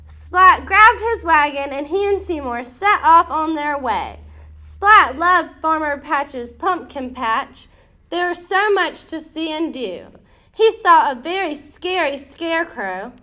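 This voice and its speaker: A woman whose voice sits high reads a children's storybook aloud expressively, with dramatic, deliberate emphasis.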